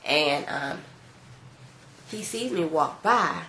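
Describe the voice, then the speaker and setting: Speaking slowly in a deep voice, this stuffed-up mom shares a personal anecdote on her home vlog, playing out each line of dialogue with lively energy. Faint noise hums beneath the echo of the room.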